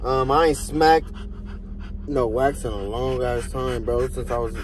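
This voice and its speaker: A man's voice: mid-range voice, a little slow. A young man in his twenties talking casually to his viewers in a travel vlog, filmed on a phone held at arm's length in an airport and a car. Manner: laid-back slangy talk to viewers. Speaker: vlogger. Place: airport terminal, walkway and parked car. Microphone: phone held low at arm's length. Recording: noisy background.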